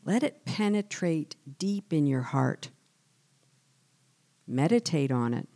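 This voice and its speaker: A woman with a low voice gives an earnest devotional teaching. She speaks slowly and deliberately, and lets her voice fall soft on the words she wants to land. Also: sing-song, gravelly. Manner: earnest, measured, often dropping softer on key words. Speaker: church speaker.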